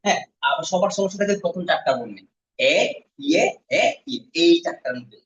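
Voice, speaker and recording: A man with a somewhat high voice teaching a classroom lesson and sounding out syllables one by one so the students can repeat them. He is recorded from across an echoey room, and the sound is muffled. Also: expressive, a little fast, distant mic. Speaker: Korean language teacher.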